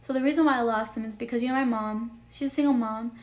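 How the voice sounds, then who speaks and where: A woman's voice: fairly high pitch, steady tone, fast talker. A nineteen-year-old woman telling a personal story in a vlog, emotional and rambling, full of "like" and "you know". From Texas. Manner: emotional, rambling, heavy use of "like". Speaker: vlogger.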